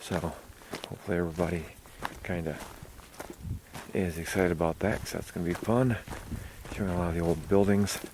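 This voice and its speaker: A man casually narrating an outdoor hiking vlog to his viewers on a windy high ridge, recorded on a handheld camera with wind noise. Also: steady tone, a little fast. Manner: informal, addressing viewers as "guys". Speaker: hiking vlogger.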